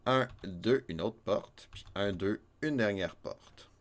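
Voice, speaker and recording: A man with a lowish, expressive voice speaks slowly in Québécois French while streaming a retro game. He jokes and chats with viewers, laughs frequently, and reads their messages out loud in a relaxed let's-play manner.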